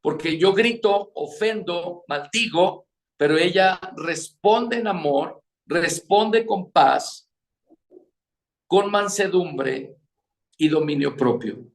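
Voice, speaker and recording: A man preaches about marriage, with a somewhat high voice. He keeps asking his listeners questions. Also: takes it slowly, creaky. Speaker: pastor teaching on marriage. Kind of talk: sermon.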